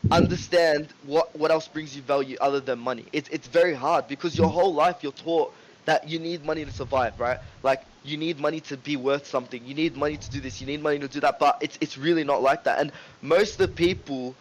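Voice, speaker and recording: A man co-hosting a casual podcast, talking in an animated way, swearing and often asking "right?" and "you know what I mean?". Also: fairly high pitch, brisk, slight background noise, poor audio. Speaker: podcast co-host. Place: home room with ring light.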